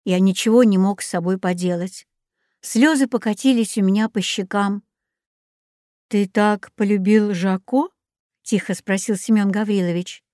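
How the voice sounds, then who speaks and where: A woman narrating a children's audiobook in a slow, careful storytelling manner. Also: medium pitch, warm tone, no room sound, studio quality.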